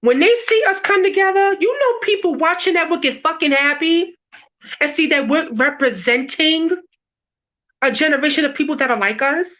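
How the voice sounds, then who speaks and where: A woman's voice: high voice, normal speed, fairly bright tone, highs cut off. A woman music artist being interviewed over a video call, talking bluntly and emphatically, swearing freely and restarting her words. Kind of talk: candid, emphatic interview talk.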